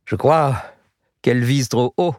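A man voicing a hearty, teasing retired cook in his sixties, speaking up higher than his own voice in an audiobook. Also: animated, moderate pace, slightly rough, no echo, studio quality. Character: retired older male cook, warm teasing friend.

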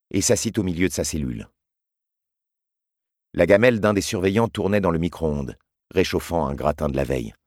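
A man reading a story aloud in a measured, grave way. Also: deep voice, a little mellow, dry recording, studio quality. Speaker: narrator. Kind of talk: scripted audiobook narration.

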